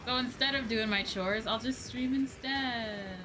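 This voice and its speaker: A woman whose voice is a little high speaks at a measured pace over poor audio. She streams as a VTuber host, gaming while chatting casually and rambling with viewers, with repeated phrases and plenty of swearing, backed by video game music.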